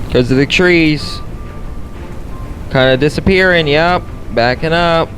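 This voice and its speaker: A man's voice: on the high side, unhurried, a bit bright, soft background music, poor audio. A man giving casual play-by-play vlog commentary as a storm chaser, addressing his viewers directly and repeating short phrases. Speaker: storm chaser and video host.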